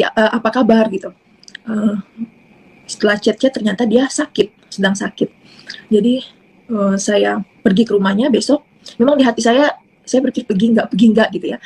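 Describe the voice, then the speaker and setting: Bugis-accented woman, rough husky voice, halting personal testimony. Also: on the high side, darkish tone, rough recording. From South Sulawesi. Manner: halting, unhurried storytelling. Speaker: convert giving testimony.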